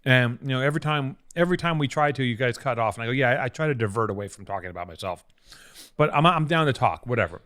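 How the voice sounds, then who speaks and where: A man's voice: medium pitch, expressive, quick pace, fairly bright tone. A man co-hosting a podcast, telling a rambling, profane story in casual chat. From Venice, California. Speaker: podcast co-host.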